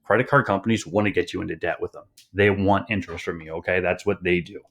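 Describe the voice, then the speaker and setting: A man's voice: sits low, fairly even intonation, fast, fairly bright tone. A young man teaching students in a recorded online lesson, rambling with many fillers and a bit out of breath. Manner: rambling, many "um"s and "you guys". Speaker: high school teacher.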